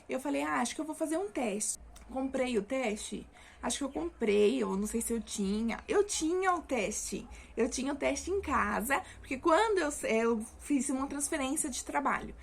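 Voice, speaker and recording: A woman's voice: high-pitched, creaky. A young woman from Brazil, telling a personal story in a casual chatty way, full of fillers and self-corrections. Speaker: vlogger.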